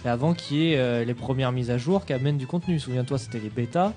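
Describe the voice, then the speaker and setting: A man's voice: medium pitch, fast talker, darkish tone, faint music behind. A man co-hosting a casual gaming podcast, speaking emphatically and addressing the others directly. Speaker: podcast co-host.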